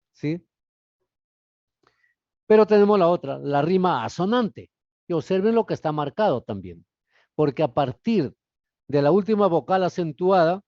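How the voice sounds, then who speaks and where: A male literature teacher giving a classroom lecture, explaining step by step and putting rhetorical questions to his class, his voice often trailing off softly at the ends of phrases. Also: fairly high pitch, no room sound, highs cut off.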